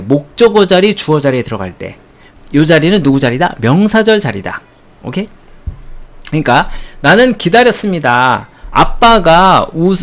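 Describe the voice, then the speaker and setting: A man gives a recorded English lesson, his voice sitting a little high and swinging widely in pitch as he jumps from explanation to exclamation. He chuckles often and drops English phrases into his teaching. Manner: animated, playful, chuckles between points, mixes English phrases into explanations. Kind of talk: recorded textbook lecture.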